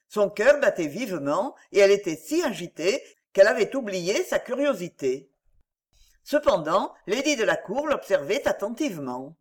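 Expressive woman reading an audiobook. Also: mid-range voice. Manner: expressive, measured narration. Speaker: narrator.

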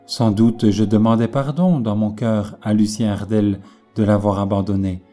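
A man narrating a novel in the first person, with measured, literary storytelling. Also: on the low side, fairly even intonation, dark tone, faint music behind. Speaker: audiobook narrator.

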